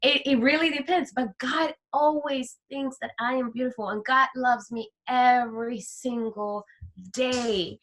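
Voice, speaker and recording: Bright-voiced woman sharing her faith. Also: sits high, unhurried. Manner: animated, acts out quoted voices. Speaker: guest. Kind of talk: heartfelt faith testimony in conversation.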